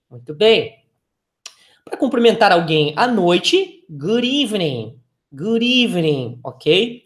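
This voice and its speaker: A man with a Brazilian Portuguese accent, teaching English and saying phrases slowly and clearly so learners can repeat them. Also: high-pitched. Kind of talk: language lesson with repeat-after-me drills. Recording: echoey room.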